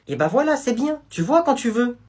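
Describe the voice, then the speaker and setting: A performer voicing a strict woman schoolteacher who scolds and gives bossy classroom commands in a husky voice in a comedy sketch. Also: mid-range voice, big pitch swings, brisk, a little mellow. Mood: scolding. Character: strict schoolteacher woman, stern and easily exasperated.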